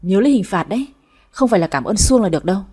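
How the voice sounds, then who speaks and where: A woman voicing a stern old grandmother who rules the family, speaking in a sharp, scolding tone. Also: mid-range voice, animated, very fast, breathy edge. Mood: teasing.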